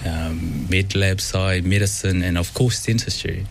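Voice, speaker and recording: A man with a New Zealand accent, a dentist speaking as a guest in a radio studio interview, thoughtful and halting with many pauses. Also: low-pitched, level tone, slight background noise.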